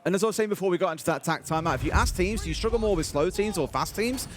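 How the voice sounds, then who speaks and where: A man's voice: sits high, expressive, very fast. A man giving live analytical esports commentary in a chatty way, with colourful turns of phrase. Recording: game gunfire and noise behind. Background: game gunfire.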